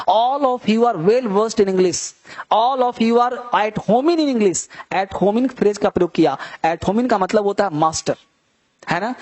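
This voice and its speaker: A man gives a classroom English spelling lesson. He mixes Hindi with English phrases, calls his students "beta" and repeats words slowly to stretch out each sound. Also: high voice. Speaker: English teacher.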